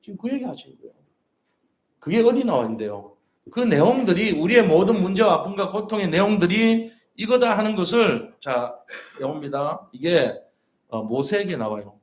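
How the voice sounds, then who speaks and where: A man's voice: sits high, expressive, normal speed. A male pastor preaching a sermon in a church, earnest and repeating his key points with rhetorical questions. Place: church sanctuary. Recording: roomy church echo.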